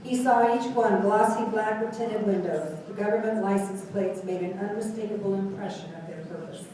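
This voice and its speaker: Brief: a measured woman narrator, mellow voice, faint background hiss. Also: medium pitch. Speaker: manuscript reader. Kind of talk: reading a story aloud. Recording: echoey room, distant mic, faint noise.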